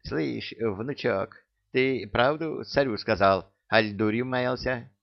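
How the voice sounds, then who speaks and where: A man's voice: medium pitch, slow, gravelly, dull audio, voice pushed up. A man voicing a folksy, nosy old village granny with rustic speech, in an audiobook.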